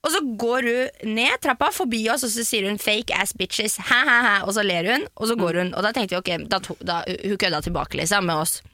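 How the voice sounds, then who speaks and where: A young woman chatting on a podcast in a studio, telling a lively story and acting out the quoted lines. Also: medium pitch, few pauses, dry recording. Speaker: guest. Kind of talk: casual podcast chat.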